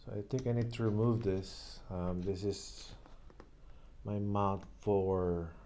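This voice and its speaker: A product reviewer unboxes and installs an item by hand, talking casually and thinking aloud as he works. His low, warm voice is slow with fairly even intonation, and faint background noise is present.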